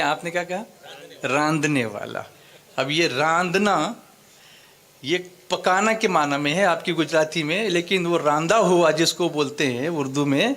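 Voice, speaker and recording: A man's voice: on the high side, fairly bright tone. A man preaching at a religious gathering. He explains things step by step, quizzes the audience, repeats phrases for emphasis and mixes English words into his speech. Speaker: Islamic preacher. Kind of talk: sermon lecture to a gathering.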